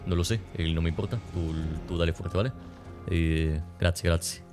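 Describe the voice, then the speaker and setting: Deep and a little slow, the voice belongs to a young man raised in Spain and Argentina who chats with his stream audience while gaming. Joking, rambling and responding to chat messages in his home streaming room, he coughs persistently, captured by a desk mic beside his webcam over background game music.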